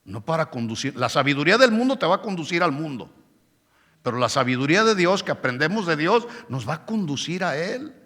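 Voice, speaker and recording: A man's voice: on the high side, very animated, brisk, a bit bright. A male pastor preaching a sermon with emphasis, often checking in with the congregation. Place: church hall. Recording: long church hall reverb.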